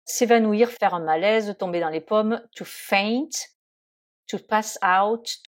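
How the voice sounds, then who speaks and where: A woman teacher walks through a vocabulary lesson at a slow, measured pace. She pronounces each English term carefully, pausing and hesitating as she explains. Her voice sits at a middle pitch. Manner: slow and deliberate, pronouncing English words carefully with pauses and fillers.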